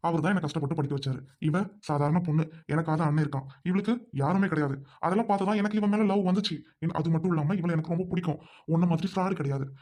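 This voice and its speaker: Brief: man playing a firm young groom, rapid delivery, warm dark tone, forceful when angry. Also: a little high, close to an everyday voice. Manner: forceful scolding, then gently reassuring. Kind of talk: amateur audio drama.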